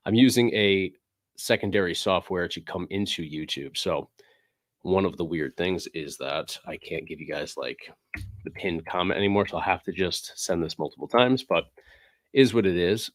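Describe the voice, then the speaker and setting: Recorded dry and at studio quality on a desk microphone, a low-voiced man hosts a casual livestream from his game room. Still recovering from a cold and sniffling, he rambles loosely, packs his talk with fillers, and reads the chat aloud.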